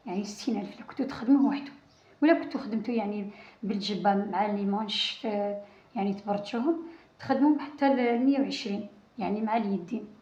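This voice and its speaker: Fast-talking Algerian woman teaching crochet. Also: medium pitch, warm tone. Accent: Algerian Arabic. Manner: talks while working, many restarts and counting. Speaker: crochet channel host. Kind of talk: casual crochet tutorial. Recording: roomy, dull lo-fi sound.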